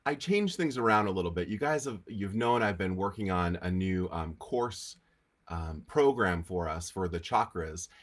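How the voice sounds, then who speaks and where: A man with a slightly low voice hosts a casual weekly livestream talk on healing. Allergies leave him congested and nasal. He chats in a relaxed, easygoing way. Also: moderate pace. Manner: relaxed, chatty, with frequent fillers.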